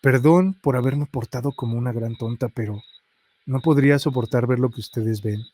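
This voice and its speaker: A man's voice: mid-range voice, moderate pace, dark tone, no room sound, natural voice. A man reading the lines of a frightened young woman police officer, nervous and pleading. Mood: scared.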